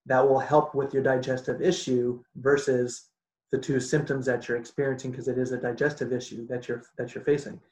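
A man's voice: medium pitch, flat delivery, a little fast, darkish tone. A Canadian man from Canada, a podcast guest talking in casual interview chat, restarting sentences and laughing often. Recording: roomy echo.

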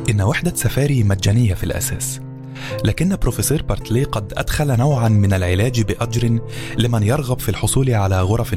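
A man narrating a novel in a calm, measured storytelling voice. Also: fairly low pitch. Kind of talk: audiobook narration. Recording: narration over background music.

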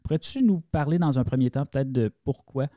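Man, host, relaxed and hesitant, deep mellow tone, dry close sound. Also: a little fast, dry recording. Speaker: podcast host. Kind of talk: casual interview talk.

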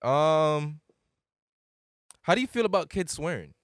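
Late-20s dude hosting a chill convo, smooth voice, dry mic, rambles a lot. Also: male voice, a little high, animated, measured pace, no room sound. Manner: loose, rambling, slangy. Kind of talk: casual chat.

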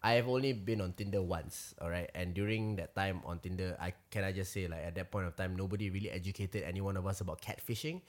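A man's voice: deep voice, steady tone, fast talker, hardly any pauses. A man in his thirties with a Singaporean accent, chatting casually and jokingly in colloquial Singlish as a podcast host. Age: 30s. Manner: colloquial Singlish with particles like lah and ah.

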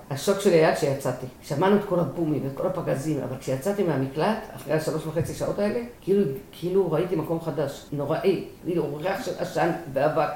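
An older woman recounting a personal war memory in an interview, emotional and vivid, acting out what she shouted. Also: low voice, echoey room, slight background noise. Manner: emotional storytelling, acts out quoted shouts.

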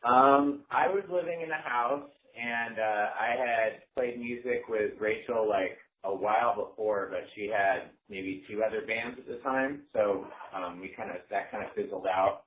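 A man heard over the phone, a band's bassist and singer, chatting casually in a rambling, hesitant way. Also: unhurried, few pauses. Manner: rambling, hesitant, many fillers. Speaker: band bassist and singer, interview guest. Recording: tinny echoey phone line.

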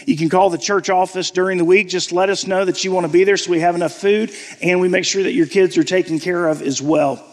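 A pastor gives a sermon and church announcements in a fast, high-pitched, steady voice with barely a pause, a touch scratchy from a cough. His style is conversational, full of repeated phrases and stretched key words, and the church sanctuary's long reverb surrounds him.

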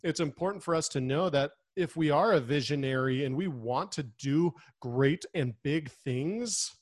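A man in casual conversation, telling stories in an animated, restless way and acting out what people said. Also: a little high, unhurried, dry recording, clean studio sound. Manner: animated, restless storyteller who acts out quotes.

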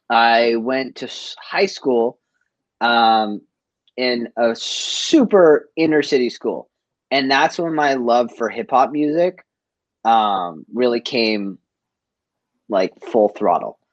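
An interview guest from East Boston, USA, who works as a chef and runs a business, tells stories informally, with lots of slang and "like." He takes it slowly, with a mid-range voice and lively intonation. The sound is dry and dull.

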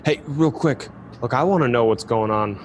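A man's voice: normal speed, a little hiss or hum, close to an everyday voice. A man voicing a nervous middle-aged male motel owner who rambles anxiously about his many cats. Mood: fretful. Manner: rambling, fretful, voice jumping high when upset.

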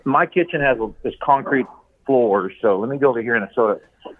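A man's voice: medium pitch, fairly quick, a little hiss or hum. A middle-aged man calling in on speakerphone from home, chatting in an easygoing, rambling way and chuckling now and then. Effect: on speakerphone over a phone call. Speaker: guest angler calling in. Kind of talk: casual chat. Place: his home. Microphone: cell phone on speakerphone. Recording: tinny dry phone line.

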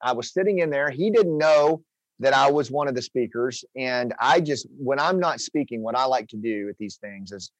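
A man's voice: medium pitch, animated, moderate pace, no room sound, rough recording. A man hosting a podcast, introducing his guest in an enthusiastic, rambling casual chat. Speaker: podcast host.

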